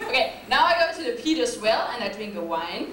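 A woman's voice: a little high, very animated, fairly bright tone. Young woman translating in an echoey hall. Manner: quick, amused line-by-line translating. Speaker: translator on stage. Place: large hall with live audience. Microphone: no mic, far camera. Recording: echoey hall, far off, noisy.

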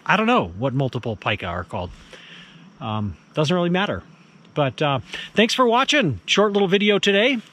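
A man with a fairly high voice, speaking at a moderate pace, chats casually in a wildlife photographer's vlog from a rocky field at dusk. He comes across relaxed and self-deprecating, and the recording carries a little hiss or hum.

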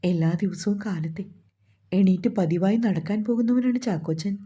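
A woman reads a romantic novel aloud in a calm, unhurried way. Her voice is very dark and mellow with a husky, breathy grain. The recording is dull and lo-fi. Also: medium pitch. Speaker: audiobook narrator. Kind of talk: relaxed novel narration.

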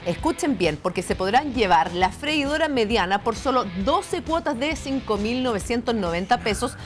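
A woman with a Chilean accent giving a polished, persuasive infomercial sales pitch straight to viewers at home, as a TV host. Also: animated, normal speed. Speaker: TV host of a panel show, reads sponsor spots. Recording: music bed under the voice. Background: music.

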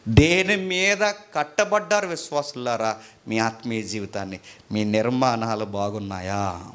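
A male pastor preaching a sermon, moving between forceful shouted rebukes and low, mocking asides. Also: unhurried.

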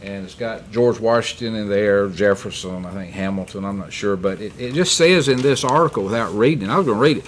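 Middle-aged man, low-pitched county commissioner, rambling candid remarks at a desk mic, faint hiss. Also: fairly bright tone. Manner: candid, rambling, self-correcting storyteller. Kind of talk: public meeting remarks. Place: meeting chamber.

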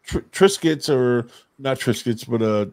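A man's voice: mid-range voice, lively intonation, a little slow, darkish tone. A man co-hosting a video call interview, rambling and playful. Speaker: co-host.

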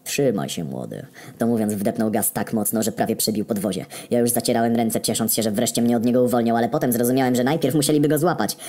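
A male narrator reads a comedic story at a brisk, rapid clip. His voice is dark and mellow, and his delivery stays deadpan and wry, peppered with coarse swearing. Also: medium pitch.

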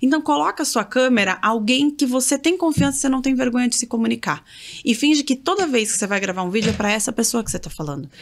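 Woman, quick, emphatic, advice-giving podcast guest, slightly high voice. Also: animated. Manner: brisk, emphatic, gives direct advice. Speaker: communication mentor, podcast guest.

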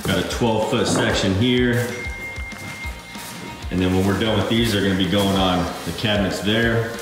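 A man hosts a casual walk-and-talk vlog, touring a large indoor warehouse and chatting upbeatly with coworkers. His lowish voice has fairly even intonation at a moderate pace, with music in the background and echoey warehouse room sound.

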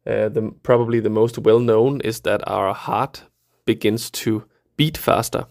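Gravelly-voiced man explaining patiently. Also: fairly low pitch, steady tone, measured pace, a little mellow. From Denmark. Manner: thoughtful, frequent fillers and restarts. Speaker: researcher guest. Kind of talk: explaining to kids.

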